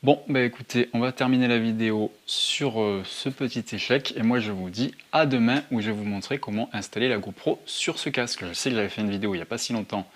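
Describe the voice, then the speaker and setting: Brisk and barely pausing, a medium-pitched male motorcycle vlogger narrates an informal tutorial on his gear, thinking out loud as he handles each piece. Background noise and handling clicks come through clearly.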